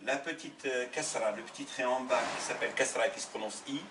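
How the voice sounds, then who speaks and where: A man's voice: medium pitch, steady tone, background noise. Patient male teacher, roomy sound. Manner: slow, patient, spells out sounds. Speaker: Arabic teacher. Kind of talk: classroom lesson. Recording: roomy sound from a distant mic.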